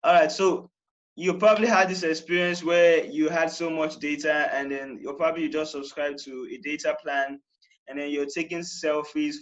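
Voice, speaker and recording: Young man, tutorial host, chatty, repeats himself, slightly high voice. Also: highs cut off. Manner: chatty, repeats phrases, frequent "all right". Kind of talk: casual how-to explanation.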